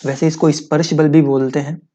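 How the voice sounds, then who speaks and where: A man's voice: on the high side, flat delivery, brisk, mellow, dull audio. A man teaching a physics lesson, explaining step by step, asking his students questions and repeating key points.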